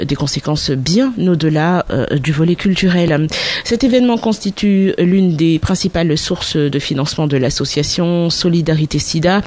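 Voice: mid-range voice, darkish tone. A radio host introducing a topic and asking questions, hesitating often with fillers between phrases. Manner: hesitant, frequent "euh" fillers. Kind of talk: radio interview hosting.

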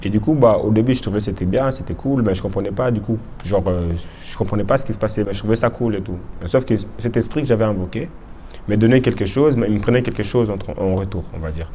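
A man's voice: on the low side, quick pace, dark tone, a little hiss or hum. A young man from Congo telling his personal testimony in an informal way, often restarting his sentences.

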